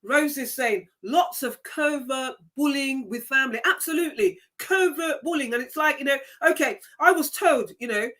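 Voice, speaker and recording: Female live-stream host, Jamaican accent, high and bright voice, preachy and emphatic, repeats her points. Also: moderate pace, few pauses. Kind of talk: motivational live-stream talk.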